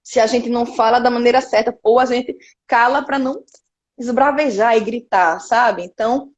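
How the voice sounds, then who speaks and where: A Brazilian woman in her thirties with a Northeastern accent and a somewhat high voice. She speaks openly and with energy, keeps checking in with the listener, and tells her working life the way people talk in a relaxed interview. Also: normal speed, highs cut off. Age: 30s. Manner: lively and frank, frequent "né" tags. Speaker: cultural producer, guest. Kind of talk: casual interview storytelling.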